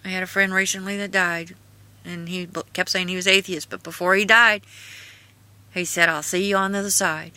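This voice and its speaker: A woman with a folksy Appalachian hillbilly twang and a very bright, forceful voice. She reads aloud casually in a halting, earnest manner, breaking off for spoken asides. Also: fairly low pitch, steady tone, clean tone. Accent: Appalachian-style hillbilly twang. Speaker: video host and author reading own memoir.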